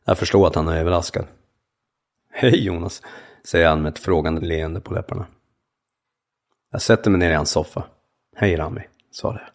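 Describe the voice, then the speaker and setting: A man narrating his own memoir in the first person, calm and measured in short sentences. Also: deep voice.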